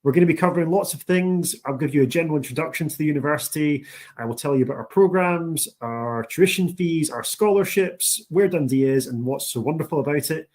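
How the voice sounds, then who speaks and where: A man's voice: fairly high pitch, fairly quick, a little mellow. A man with a broad Scottish accent presenting a training session, explaining things directly to viewers. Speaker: university international officer and presenter. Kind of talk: scripted-style training presentation.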